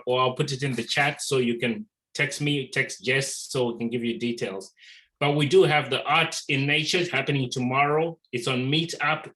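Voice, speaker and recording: A man's voice: medium pitch, a bit bright, low-quality recording. A man hosting an online art talk, giving casual announcements on a video call with many ums and restarts.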